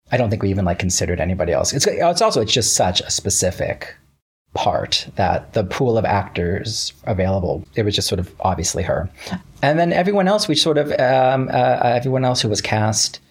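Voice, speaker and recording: Here a writer with a low, husky voice is the guest in a casual interview. Chatty but halting, he makes hesitant false starts and likes to replay past conversations, quoting himself along the way.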